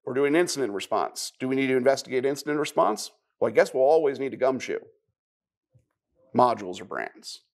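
Man, conference speaker, casual and wry, mid-pitched voice, quizzes the room. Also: a little mellow. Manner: conversational, asks the audience questions, wry asides. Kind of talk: live technical conference talk. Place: conference room before a live audience.

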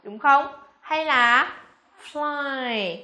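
Vietnamese lady teaching pronunciation, high bright voice, kinda roomy echo. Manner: patient, repeats example words slowly, asks students questions. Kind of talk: classroom-style pronunciation lesson.

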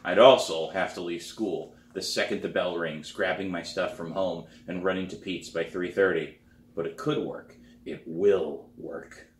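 Male author reading his middle-grade book aloud, steady narration, lowish voice. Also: moderate pace, roomy sound. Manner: plain, steady first-person narration. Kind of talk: storybook read-aloud.

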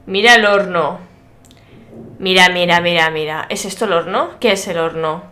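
A woman's voice: lowish voice, moderate pace, pushed and bright. A young woman from Spain streaming a horror game live, chatting to her viewers and startling easily into shrieks. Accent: Spain Spanish.

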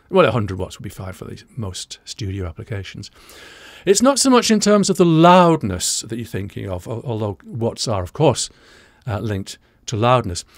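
A dry-sounding older British man presents on audio engineering, giving explanatory reaction commentary to camera. His mid-range voice is recorded in a small, dry indoor studio room with no room sound.

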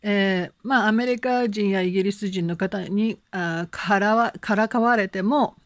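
Gentle, encouraging woman teacher, dry sound. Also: mid-range voice, dry recording. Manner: gentle, encouraging, with frequent fillers; slow, careful spoken English examples for learners to repeat. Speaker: English conversation teacher. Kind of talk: online English lesson.

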